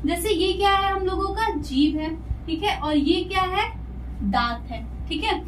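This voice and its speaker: Woman tutor, very high voice, patient question-and-answer teaching, heard from a distance. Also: lively intonation, unhurried. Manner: explains patiently, asks rhetorical questions and answers them. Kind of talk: classroom lesson explaining step by step. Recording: echoey room, voice from a distance, faint noise.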